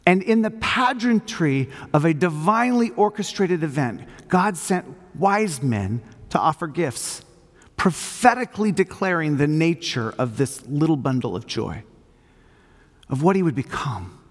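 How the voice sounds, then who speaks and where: An older man delivers an earnest sermon with slow, deliberate pacing. His voice sits a bit higher than most men's, and it carries a long reverb from the church hall around him. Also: expressive. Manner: earnest, emphatic preaching with slow stressed phrases. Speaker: pastor. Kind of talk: sermon with closing prayer.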